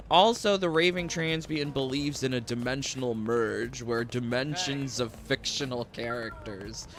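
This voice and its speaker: A man's voice: mid-range voice, fairly bright tone. A man hosting a gaming channel, giving sarcastic, mocking let's-play commentary and laughing between lines.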